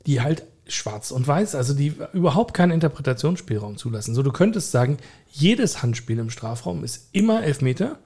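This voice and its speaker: Mellow-voiced man in football chat. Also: a little high. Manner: rambling, many fillers, dry humor. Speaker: podcast co-host.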